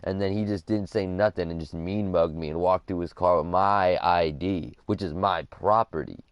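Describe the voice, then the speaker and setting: A man's voice: deep voice, fairly even intonation, moderate pace, clear, resonant tone, no room sound, dull audio. A young man on a game livestream, telling a story in a rambling way, full of "like" and "you know what I mean". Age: young adult. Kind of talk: casual storytelling while streaming a game.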